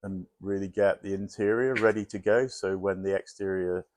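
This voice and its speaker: A man chatting casually in a garage workshop about restoring a car, relaxed and rambling as he explains plans. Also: low-pitched, moderate pace. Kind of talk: casual chat while working on a car.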